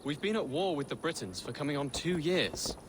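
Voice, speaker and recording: A young noble heir in a video game, polite, formal and a little unsure of himself. The voice carries a long reverb and a faint hiss behind it. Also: male voice, a little high, sing-song, a little fast. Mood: earnest. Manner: formal and earnest.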